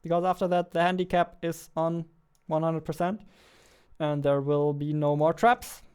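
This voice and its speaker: Keys clatter and a mouse clicks as a twenty-something game developer chats on his livestream, working at an indoor computer desk and muttering repeated phrases to himself. His somewhat high voice is a little mellow and clean, with fairly even intonation at a normal pace.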